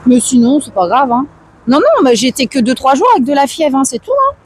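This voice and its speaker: A woman with a hoarse, tired voice, chatting casually and answering viewers on an outdoor livestream. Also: high voice, big pitch swings, brisk, slight background noise. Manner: chatty, slangy, reads out and answers chat. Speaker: live streamer chatting with viewers. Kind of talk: casual chat, IRL livestream. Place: outdoors, walking through town streets.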